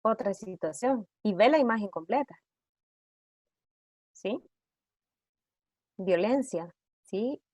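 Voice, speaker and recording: Slow, questioning woman workshop facilitator. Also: mid-range voice, lively intonation, darkish tone, dry recording, studio quality. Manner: asks rapid rhetorical questions to the audience. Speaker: trauma-informed care workshop facilitator. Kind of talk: online workshop lesson. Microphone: video call.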